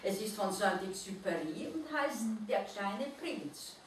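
A woman's voice: medium pitch, expressive, a little slow, slight background noise, natural voice. A woman voicing a self-assured, cool Christ child in a storybook reading, speaking breezily and confidently. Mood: breezy. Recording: echoey room from far off.

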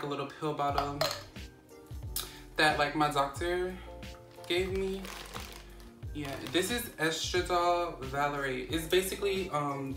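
A woman's voice: low voice, echoey room, recorded from a distance. A young woman vlogging a casual how-to, chatty and rambling, full of fillers and restarts. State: out of breath.

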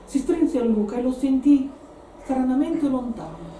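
A woman giving a measured, expressive dramatic reading of a novel at a book presentation, recorded from a distance in a roomy space. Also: sits high, slight background noise. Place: shop venue hosting a live event. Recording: roomy live room from a distant mic.

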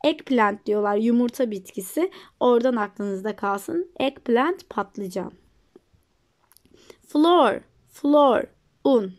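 A woman's voice: a little high, expressive, slow pace, darkish tone. A woman with a Turkish accent teaching an English vocabulary lesson, saying each word twice with emphasis and then giving its meaning. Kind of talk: vocabulary lesson, repeat-after-me drills.

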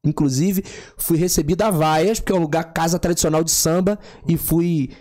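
A man's voice: on the high side, normal speed. A young man, a sertanejo singer telling stories as a podcast guest and acting out the voices of the people in them. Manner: animated storyteller, acts out quoted voices. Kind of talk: casual storytelling.

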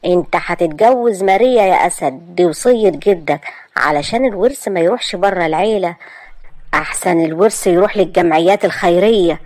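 Woman playing a stern older Egyptian uncle, firm, deliberate, dry close sound. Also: on the low side, a little mellow, no room sound, natural voice. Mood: insistent.

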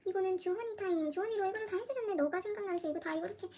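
A very high-pitched young woman chatting to camera in a dim room at home, gasping and squealing with delight as she unboxes. Faint background noise hums under her voice. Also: racing. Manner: gushing, excitable, gasps and squeals. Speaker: vlogger. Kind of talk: casual unboxing chat.

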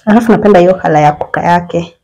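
Speaking fast in a lowish voice, a young Kenyan vlogger shows off her small indoor apartment, holding her phone camera while she walks. The house tour chat is casual and lively, packed with exclamations and a mix of English and Swahili slang.

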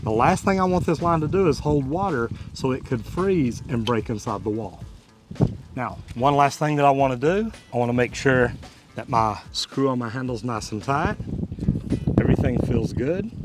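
This man, a plumber and video host in his 50s to 60s, explains a hands-on job casually and folksily in a tutorial filmed outdoors by a brick house. His mid-range voice is expressive and moves at a normal speed. Music plays in the background.

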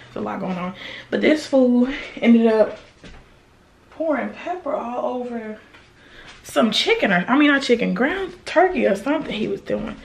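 A woman's voice: on the high side, creaky, a little hiss or hum. A young woman chatting casually to her camera in a vlog, indoors at a relative's house, sometimes dropping to a near whisper. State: a bit out of breath. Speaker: vlogger. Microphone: handheld camera.

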